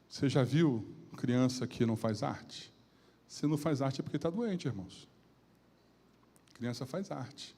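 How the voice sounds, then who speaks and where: A man preaching a sermon, retelling Bible scenes in a casual modern way and swinging from quiet talk to loud peaks. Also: medium pitch. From Brazil. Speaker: pastor. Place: church sanctuary. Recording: long reverb of a church hall.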